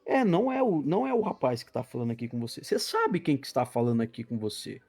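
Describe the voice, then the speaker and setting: A man voicing an evil spirit that speaks through a drunk man, quiet and calm as it lays claim to everything around it. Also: mid-range voice, quick pace, husky, faint music behind, pitched below the performer's own voice. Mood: menacing.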